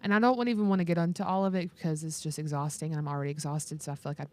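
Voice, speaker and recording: A woman's voice: low-pitched, fairly even intonation, racing, darkish tone. A woman co-hosting a podcast, talking in a casual, conversational way. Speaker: podcast co-host. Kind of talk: casual chat.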